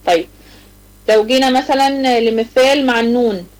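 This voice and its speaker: A fairly high-voiced Egyptian woman teaches tajweed in an online class, walking her students through each rule with repeated questions. She slows right down to chant her examples, stretching every syllable. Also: darkish tone, rough recording. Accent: Egyptian Arabic. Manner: explains step by step with repeated questions, slow drawn-out recitation of examples. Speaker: Quran recitation teacher. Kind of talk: online tajweed lesson to girls.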